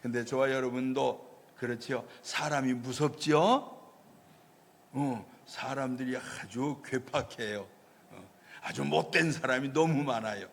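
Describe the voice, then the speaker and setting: A man's voice: mid-range voice, measured pace, creaky, big-room sound. A male pastor preaching a storytelling sermon, acting out the voices of people in the story. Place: church sanctuary.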